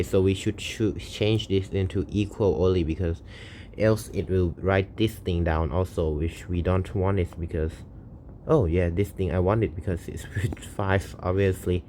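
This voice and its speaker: A channel host whose first language is Thai thinks aloud while working through a coding problem. He is a man with a slow, deep, warm voice, and his non-native English is hesitant and halting, full of self-corrections. There's slight background noise.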